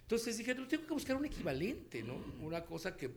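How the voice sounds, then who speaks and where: A man's voice: high-pitched, a little fast, creaky, noisy background. A man with a Mexican accent, a voice actor and dubbing director, telling stories in an interview and acting out the quotes. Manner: animated storyteller, acts out quotes, laughs often. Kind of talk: relaxed interview storytelling.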